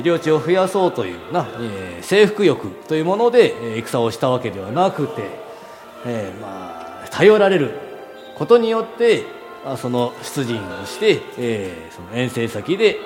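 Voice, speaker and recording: A man's voice: mid-range voice, natural voice. A man playing a proud, jovial samurai warlord who guides visitors in old-fashioned samurai speech, boastful and playful. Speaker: costumed guide. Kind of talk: in-character guided tour.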